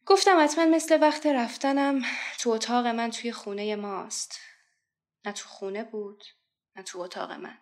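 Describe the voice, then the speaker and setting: A woman talking about a song and then reciting its lyrics in a soft voice that sinks almost to a whisper on the saddest lines. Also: fairly high pitch.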